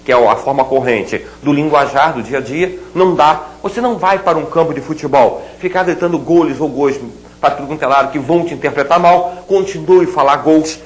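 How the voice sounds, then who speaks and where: A man teaching grammar to students, spelling out example words slowly and checking in with rhetorical questions. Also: a little high, rough recording. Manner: playful asides to students. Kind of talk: recorded grammar lesson at a board.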